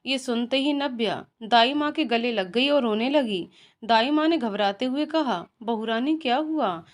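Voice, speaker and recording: A woman reading a scripted story aloud as its narrator, in an even, expressive way. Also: on the high side, unhurried.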